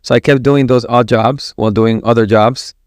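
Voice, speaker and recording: A man's voice: mid-range voice, normal speed, clear, resonant tone, no echo. A man from Ecuador, a gallery director, chatting casually as a podcast guest, rambling with restarts. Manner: relaxed, rambling, with many restarts. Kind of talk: casual interview chat.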